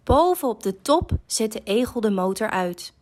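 A woman reading a children's story aloud, slow, gentle and expressive. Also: on the high side.

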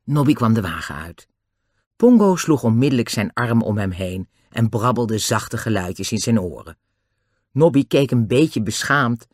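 A man reading a children's adventure story aloud, in a lively, expressive way. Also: mid-range voice, unhurried, dry recording, studio quality. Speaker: narrator. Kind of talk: audiobook narration of a children's book.

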